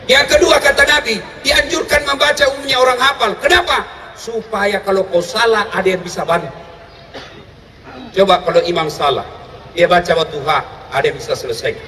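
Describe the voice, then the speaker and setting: A man preaching a humorous sermon to a crowd, telling stories with shouted punchlines and frequent laughter. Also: high-pitched, brisk. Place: large hall with an audience. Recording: echoey hall, voice from far off, crowd noise.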